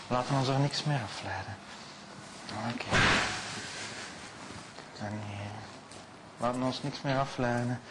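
Male stage hypnotist, soothing repetitive patter, noisy studio sound. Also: mid-range voice. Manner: slow soothing repetitive suggestions, often hushed.

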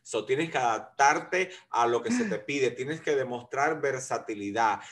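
A man's voice: mid-range voice, expressive, unhurried, fairly bright tone. A man in casual, flamboyant chat, crude and playful as he reviews a competition show.

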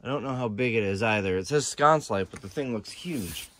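Brisk and a bit bright, this lowish male voice carries a little hiss or hum. The speaker, a reseller vlogger in his thirties, rambles and muses aloud in casual vlog talk, phone held at arm's length inside a large warehouse and storage room.

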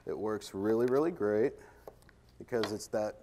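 Joking chef doing a live cooking demo. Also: male voice, fairly low pitch, unhurried, mellow, a little hiss or hum. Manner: joking, chatty, self-deprecating, playful with the audience. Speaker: chef giving a cooking demonstration. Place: conference stage before an audience.

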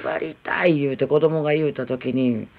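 A woman over sixty with a Kansai accent hosting a casual radio chat, talking in a brisk, blunt, opinionated way with playful jabs. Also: very deep voice, fairly even intonation, a crowd in the background. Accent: Kansai Japanese. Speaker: radio talk show host. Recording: tinny phone-like radio broadcast.

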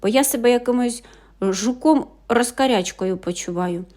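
A woman's voice: a little high, normal speed, darkish tone, close to an everyday voice. A woman voicing an impatient, grumbling older boy in a storybook audiobook. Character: grumpy older boy, big brother. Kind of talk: audiobook fairy tale reading.

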